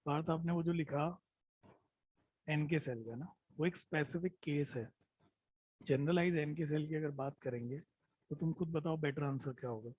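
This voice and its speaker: A man teaching biology in an online class, mixing Hindi with English terms, dictating notes slowly and repeating each phrase, often checking in with "hai na?". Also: fairly high pitch, darkish tone, husky, no echo. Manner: mixes Hindi with English terms, calls students "beta".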